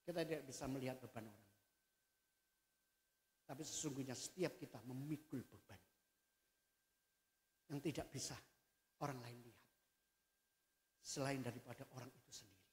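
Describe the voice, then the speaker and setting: A male pastor preaching a sermon, swinging between quiet and loud delivery. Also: mid-range voice, moderate pace, pauses often. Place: hotel function room used for a church service. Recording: echoey hall reverb.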